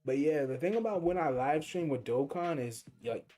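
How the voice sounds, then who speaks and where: This young male streamer has a fairly high, dark-toned voice and sounds animated at a normal speed. He gives rambling, slang-heavy commentary as he plays a mobile game live, thinking aloud, with faint game music underneath.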